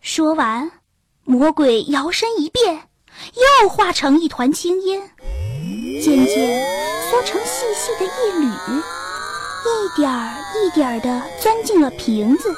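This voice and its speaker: A woman narrating a children's storybook in an expressive storytelling manner. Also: high-pitched, slow, noisy background. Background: faint background music.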